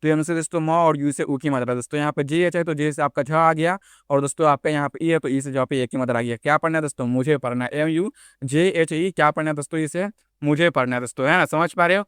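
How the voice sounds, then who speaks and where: A man speaking delivers a beginner lesson, voice raised a little and words coming fast. He spells each word out letter by letter and keeps calling his viewers friends. The sound is crisp and dry, close to the mic. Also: on the high side, a bit bright, dry recording. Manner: addresses viewers as friends constantly. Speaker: teacher. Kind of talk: online tutorial for beginners.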